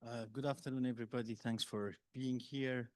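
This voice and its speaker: Man from Afghanistan, policy advisor on a panel, mid-pitched, halting delivery with frequent fillers, dry close sound. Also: steady tone, a little mellow, no echo, low-quality recording. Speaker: public health policy advisor. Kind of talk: panel talk. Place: exhibit hall panel.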